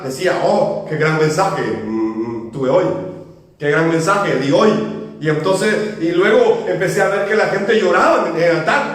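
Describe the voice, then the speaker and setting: A male pastor with a Guatemalan accent, preaching a sermon and telling stories with frequent pauses and fillers. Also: sits high. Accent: Guatemalan Spanish. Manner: storytelling with many pauses and fillers. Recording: echoey room from a distance.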